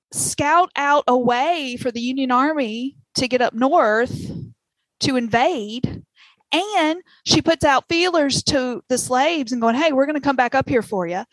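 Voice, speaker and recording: A woman's voice: sits high, fairly bright tone, no room sound, poor audio. A woman with a Southern US accent, telling a story passionately on a podcast with laughing asides. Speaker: podcast co-host. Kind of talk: casual chat.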